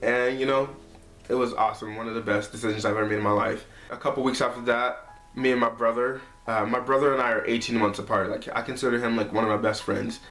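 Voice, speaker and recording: In an echoey apartment room with faint music playing, a twentysomething vlogger talks to camera about something personal, casual and sincere, with plenty of "like" and "you know." He speaks at a quick pace in a fairly bright, medium-pitched voice with fairly even intonation.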